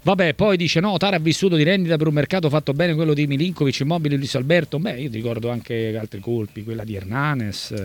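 A man's voice: fairly high pitch, fairly even intonation, fast talker, few pauses, dry recording. A man co-hosting a football talk show in a studio, debating in an emphatic, argumentative way. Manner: emphatic, argumentative, rising when he presses a point. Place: studio with a control room.

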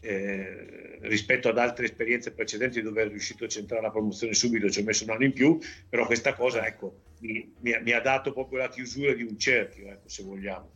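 Husky low-voiced coach in his 50s, from veneto, slow careful answers, dull lo-fi audio, faint music. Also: fairly even intonation, bright, forceful tone. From Veneto, Italy. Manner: measured, hesitant with many fillers and restarts. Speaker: football coach, guest. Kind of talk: interview.

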